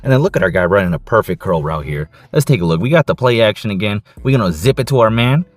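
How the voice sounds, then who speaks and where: Excited man breaking down game film. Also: lowish voice, fast talker, faint music behind. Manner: excited, repeats catchphrases, casual slang. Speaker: football coach and film analyst.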